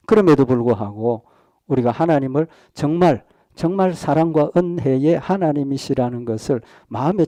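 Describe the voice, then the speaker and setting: Male pastor preaching, warm mellow tone, dry close sound, lots of little "uh"s and questions to the crowd. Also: medium pitch, gravelly, no echo. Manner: earnest preaching with rhetorical questions to the congregation; frequent hesitation fillers. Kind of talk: sermon.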